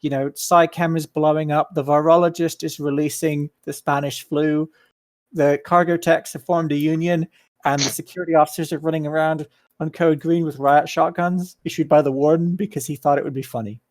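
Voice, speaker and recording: A man talking in a slightly high voice over a computer mic, unhurried and explanatory, pausing on ums as he lays out his views in a casual voice chat. The sound is dry and close. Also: steady tone, a little mellow, dry recording. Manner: measured, explanatory, frequent ums. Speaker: staff member at a community meeting.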